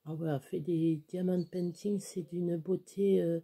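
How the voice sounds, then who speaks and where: A middle-aged woman vlogger talks to camera in a mellow, warm voice, rambling casually with frequent fillers and restarts. Now and then she slips into soft baby talk. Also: fairly low pitch, steady tone, measured pace, husky. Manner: chatty, hesitant, many restarts and fillers, baby talk to her dog.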